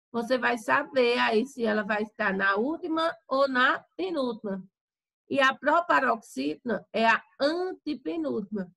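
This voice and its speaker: A woman teacher talks her pupils through a lesson, repeating each example with care. Her voice sits high and bright, with a gravelly edge. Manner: slow, careful explanation with repeated examples. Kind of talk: recorded remote Portuguese lesson.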